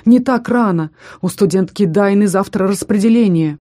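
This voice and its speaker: A protective academy rector who snaps and raises his voice, as a woman reads him. His lines come out sharp and agitated. The tone stays warm and mellow. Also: medium pitch, moderate pace, natural voice. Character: hot-tempered male academy rector, protective.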